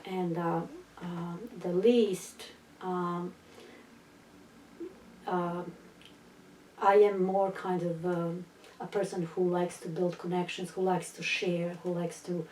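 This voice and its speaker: A middle-aged woman from Bosnia tells her story in English, with frequent fillers and false starts. Her voice is low-set, mellow and fairly flat. She sits back from the mic in a roomy space with a faint hum of ambience. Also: slow pace, pauses often, recorded from a distance. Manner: hesitant, many fillers and restarts. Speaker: interviewee. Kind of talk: recorded personal story.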